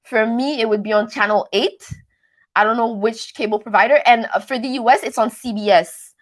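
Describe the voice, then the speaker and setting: A Canadian woman with a higher-pitched voice hosts a reality TV recap livestream, briskly answering viewer comments in casual live chat. She rambles, pokes fun at herself, stumbles over words, and playfully slips into different accents.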